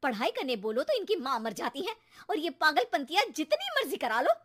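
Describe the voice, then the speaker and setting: A woman voicing an exasperated, sharp-tongued mother and housewife who nags with sarcasm in an animated story. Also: high voice, brisk, voice pushed up. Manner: sarcastic, nagging, exclamatory.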